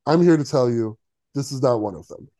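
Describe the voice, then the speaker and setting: A man's voice: medium pitch, animated, fairly quick, warm tone. A man co-hosting a podcast, chatting casually in a sarcastic, opinionated way with many fillers. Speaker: podcast co-host. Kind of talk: casual chat.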